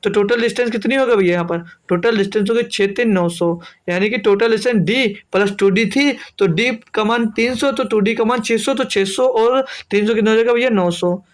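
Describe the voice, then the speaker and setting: High-pitched guy tutoring maths for an exam, keeps repeating stuff and calling everyone bhai. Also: a little fast, hardly any pauses. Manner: repetitive, addresses students as brother and friend. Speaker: maths teacher. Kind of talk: exam-prep maths lesson.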